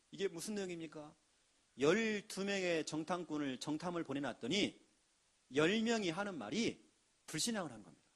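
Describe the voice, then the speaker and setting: A pastor delivering an emphatic sermon in a notably high voice. He drives his points home and slips into the voices of the people he quotes. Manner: emphatic preaching with acted quotes.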